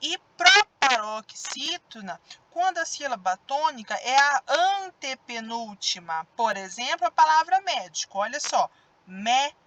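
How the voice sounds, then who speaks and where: A woman's voice: high-pitched, big pitch swings, a little slow, hardly any pauses, sharp tone, a little hiss or hum, poor audio. A woman teacher with a Brazilian Portuguese accent giving a recorded grammar lesson for children, drawing out stressed syllables as she demonstrates words.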